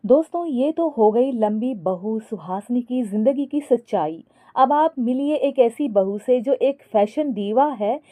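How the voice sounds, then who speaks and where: A woman narrating a moral story in a calm storytelling manner. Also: fairly high pitch.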